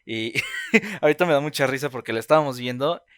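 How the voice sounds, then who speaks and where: A man's voice: medium pitch, fast, a bit bright, clear, resonant tone, dry recording, clean studio sound. A man, hosting a podcast and telling stories in a rambling casual way with many restarts. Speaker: podcast host.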